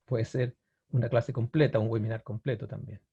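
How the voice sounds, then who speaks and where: A man's voice: medium pitch, steady tone, moderate pace, vocal fry, warm tone, husky, lo-fi sound. A man giving an online webinar lesson about language-learning websites, explaining at an easy pace with many fillers and restarts, often checking in with his viewers. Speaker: language teacher presenting a webinar.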